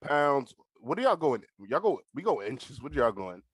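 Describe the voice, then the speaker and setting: Speaking from his bedroom, this eighteen-year-old from the United States is a relaxed podcast guest who swears and uses lots of slang in his American accent. His medium-pitched voice is sing-song and breathy, a little fast, on a dry recording.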